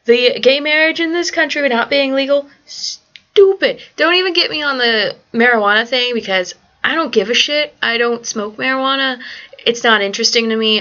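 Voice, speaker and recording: Her voice is a little high, bright and forceful, with the highs cut off. This young adult vlogger is answering a survey in a casual late-night video, sleepy, swearing a lot, ranting bluntly and saying "like" constantly.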